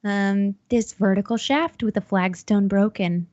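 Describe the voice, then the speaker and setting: A woman's voice: mid-range voice, unhurried, a little mellow, no room sound, muffled recording. A woman running a tabletop horror game as game master, describing scenes with frequent ums and restarts.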